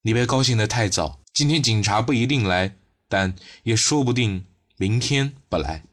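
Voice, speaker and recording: A man voicing a blunt middle-aged laborer who speaks in short, low warnings in an audiobook. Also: lively intonation, moderate pace, fairly bright tone, lightly acted. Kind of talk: audiobook character voice.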